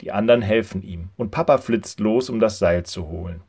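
Casting: Erzähler, Mann, ruhig und klar, Kinderbibel-Hörbuch. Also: male voice, fairly low pitch, a little fast, darkish tone, slightly rough. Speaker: narrator. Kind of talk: children's Bible story narration.

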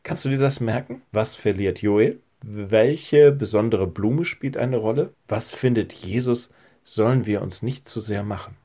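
A man's voice: lowish voice, unhurried, dark tone. Male pastor, friendly children's host and storyteller. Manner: friendly, addresses children directly. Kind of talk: children's church audio and storytelling.

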